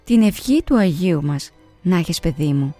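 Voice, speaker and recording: A woman voicing a kindly male monk elder in his sixties, who talks in a soft, fatherly way. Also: lowish voice, animated, dry recording, faint music behind, voice pushed down. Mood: gentle, fatherly.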